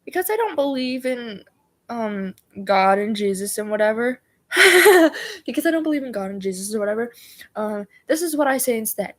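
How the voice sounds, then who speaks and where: A woman's voice: fairly high pitch, animated, normal speed, fairly bright tone. A woman livestreaming casually, rambling and stumbling over words as she reads homework aloud. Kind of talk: casual livestream chat while doing homework.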